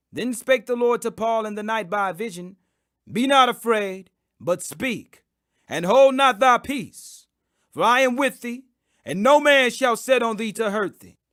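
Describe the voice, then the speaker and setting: In a dry, studio-quality recording, a man narrates the King James Bible as a scripted audiobook. His voice sits high and slightly bright, and he reads emphatically and dramatically.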